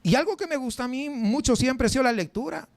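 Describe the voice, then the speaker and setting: A man preaching in a high, light voice, close and dry with no room echo. He tells stories to his congregation in a chatty way and keeps asking them questions. His preaching style is animated and informal. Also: fast. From Mexico. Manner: conversational, animated storytelling with many rhetorical questions and filler words. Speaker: pastor. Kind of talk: sermon.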